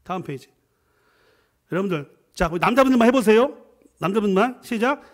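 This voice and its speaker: A middle-aged man preaching a Friday prayer sermon as a guest professor, joking and swinging from loud exclamations to quiet asides. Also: high voice, expressive, brisk.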